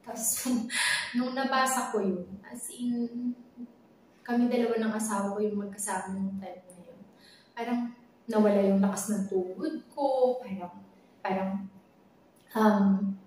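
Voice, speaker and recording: A woman tells her own story in a vlog, her voice sitting a little high. She speaks softly and haltingly, mixing Tagalog and English. The recording is very echoey, with faint noise underneath. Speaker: college dean sharing a personal health story. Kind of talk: personal testimony vlog. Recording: strongly echoey room, faint background noise.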